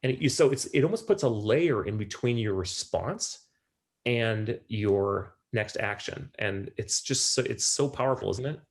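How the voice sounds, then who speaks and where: A man's voice: mid-range voice, unhurried. A man hosting a podcast, talking eagerly and animatedly, often repeating himself as he builds a point. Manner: animated, eager, repeats words when excited. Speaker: podcast host. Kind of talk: casual interview chat.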